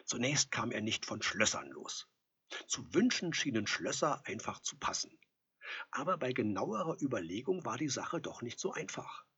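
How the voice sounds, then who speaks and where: A man narrating an audiobook in an expressive, lively storytelling manner. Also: medium pitch, moderate pace, slightly rough. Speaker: audiobook reader. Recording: dull lo-fi recording.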